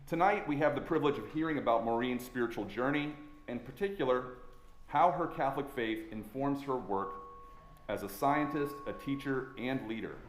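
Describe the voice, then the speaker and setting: A man working as an assistant chaplain hosts a faculty talk, reading a formal introduction in a measured, courteous way and then asking questions. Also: mid-range voice, slight background noise. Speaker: assistant chaplain and interview host. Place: chapel center event space. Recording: echoey room with faint ambience.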